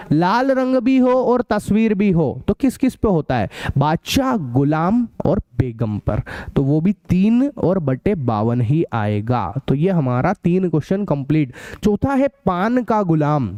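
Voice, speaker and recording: Young North Indian man, live maths tutor; chatty, drawn-out repeats, high but mellow voice, dry close sound. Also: no echo, dull audio. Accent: Hindi-speaking north India, local card-game terms. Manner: chatty, repeats key phrases slowly, calls students beta and bhaiya. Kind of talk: live online maths class.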